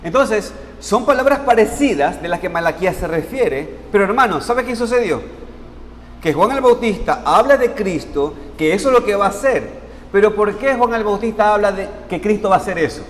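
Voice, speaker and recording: A man with a high voice preaching a sermon in a church sanctuary, heard with a long reverb and a faint hiss. He asks the congregation questions and answers them himself, slowing down to stress the key words. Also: expressive. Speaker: pastor.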